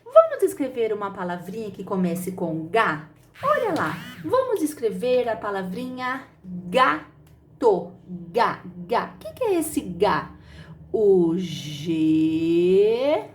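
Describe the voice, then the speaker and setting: Slow, sing-song woman teacher. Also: medium pitch, wildly swooping pitch, a little hiss or hum. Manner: slow, sing-song, affectionate teacher talk with exaggerated syllables. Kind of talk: children's phonics lesson.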